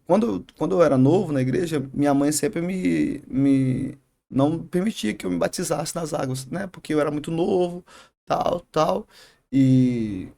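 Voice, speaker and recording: A man, a barber and youth leader, telling his faith story in a podcast interview, halting often and tagging sentences with "né?". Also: fairly high pitch, creaky, mellow. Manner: halting, many restarts and "né?" tags. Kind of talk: emotional testimony in casual interview.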